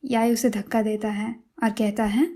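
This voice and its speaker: A woman's voice: fairly high pitch, little pitch movement, moderate pace, warm tone. A woman narrating a scripted recap of a drama series, retelling each scene and quoting the characters' lines.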